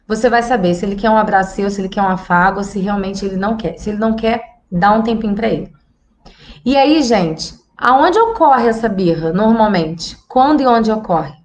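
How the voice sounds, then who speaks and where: A woman's voice: fairly high pitch, slight background noise. A Brazilian woman psychologist giving parenting advice in a casual, chatty way, often checking in with the viewers. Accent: Brazilian Portuguese. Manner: chatty, tags sentences with "tá?" and "gente". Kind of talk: casual educational talk to viewers.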